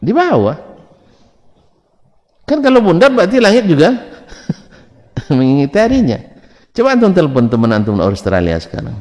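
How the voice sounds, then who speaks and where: A man's voice: on the high side, wildly swooping pitch, moderate pace, pauses often, darkish tone. A man giving a religious lesson, joking and teasing his listeners with rhetorical questions. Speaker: Islamic religious teacher. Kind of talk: religious lecture with banter. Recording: long hall reverb.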